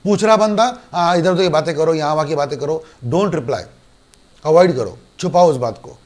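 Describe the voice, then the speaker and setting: A man's voice: on the high side, normal speed, a little mellow. A man with an Indian accent teaching an online law class, who acts out little dialogues between himself and his students. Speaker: law lecturer.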